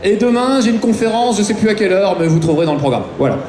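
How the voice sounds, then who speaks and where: A man's voice: sits high, expressive, racing, a little mellow. A man chatting casually and enthusiastically to an audience, urging them to come along. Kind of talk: casual promotional chat to audience. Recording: echoey, noisy event hall.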